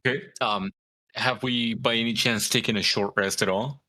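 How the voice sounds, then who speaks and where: Male player, bright tone, hesitant and musing. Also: medium pitch, fairly even intonation, moderate pace. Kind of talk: casual chat in a tabletop game.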